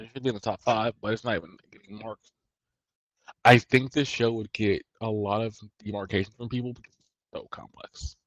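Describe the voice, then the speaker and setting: A man's voice: medium pitch, rough recording. A man co-hosting a podcast, talking casually and rambling, often restarting his sentences. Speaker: podcast co-host. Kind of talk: casual chat.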